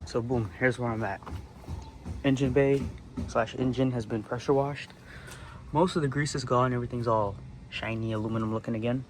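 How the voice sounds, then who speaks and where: A man's voice: mid-range voice, fairly even intonation, normal speed, long pauses, slight background noise, low-quality recording. A young man narrating a casual car-build vlog in his home garage, laid-back and swearing freely, recorded on a camera mic.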